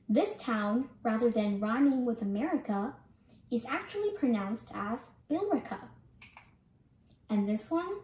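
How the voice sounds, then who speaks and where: A young woman presenting a scripted pronunciation lesson, speaking carefully and deliberately like a teacher. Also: on the high side, a little mellow, a little hiss or hum. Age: young adult. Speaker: student presenter. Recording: echoey room.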